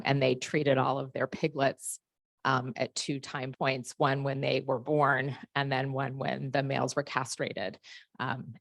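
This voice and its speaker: A woman's voice: very deep voice, creaky, dry recording. A woman moderating a seminar, relaying questions from the room and the chat in an apologetic, lightly laughing manner.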